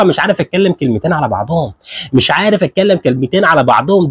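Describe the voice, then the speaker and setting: A young man with an Egyptian accent giving comic, excitable commentary on a fight and repeating every phrase. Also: fairly high pitch, breathy edge, no room sound, studio quality. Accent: Egyptian Arabic.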